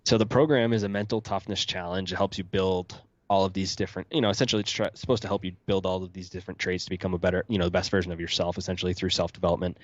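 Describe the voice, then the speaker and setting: A man guest on a podcast, talking in a quick, matter-of-fact casual way. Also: low-pitched, flat delivery, no echo, muffled recording.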